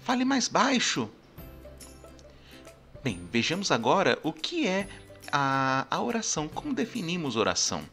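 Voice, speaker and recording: A man's voice: a little high, big pitch swings, moderate pace, vocal fry, a bit bright, soft background music. A man teaching a grammar lesson, explaining step by step and often checking in with his listeners. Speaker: language teacher.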